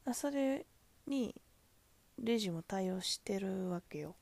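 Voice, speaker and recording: A woman's voice: mid-range voice, animated, takes it slowly, creaky, darkish tone, dry recording. A woman with a Kansai accent, a cashier, venting in a chatty, exasperated way about customers at the register. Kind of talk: casual venting monologue.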